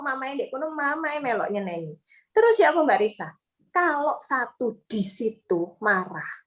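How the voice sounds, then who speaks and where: A young woman giving a lively parenting seminar talk and acting out quoted parents and children. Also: high voice. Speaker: parenting speaker.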